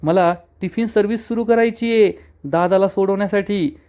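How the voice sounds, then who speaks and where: A man's voice: sits high, moderate pace, warm tone, smooth, voice pushed up, close to an everyday voice. A man voicing a determined young bride. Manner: pleading yet firm.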